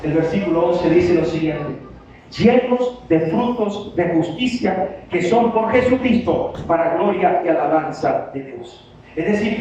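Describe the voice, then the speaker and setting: A man's voice: high voice, a little mellow. A male pastor preaching a sermon to his congregation, emphatic and full of rhetorical questions. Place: church hall. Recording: very echoey hall, distant, dull sound with faint noise.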